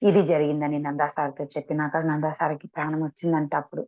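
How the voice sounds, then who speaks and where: A woman's voice: low voice, level tone, quick pace. A middle-aged woman earnestly telling a personal story of her meditation experiences, often repeating words for emphasis. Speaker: meditation practitioner sharing a testimony. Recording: dull lo-fi sound.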